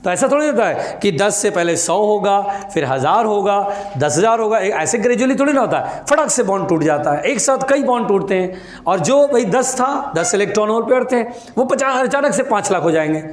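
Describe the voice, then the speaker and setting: A man's voice: sits high, sing-song, a little fast, echoey room. A man teaching physics in a classroom, repeating his points, calling students "beta" and scolding anyone who chats. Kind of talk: classroom lecture.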